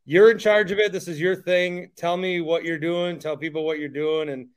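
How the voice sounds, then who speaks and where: A man with a fairly high, steady voice hosts a podcast at a moderate, smooth pace, chatting casually with his guest and nudging him along with emphatic remarks. The recording quality is rough.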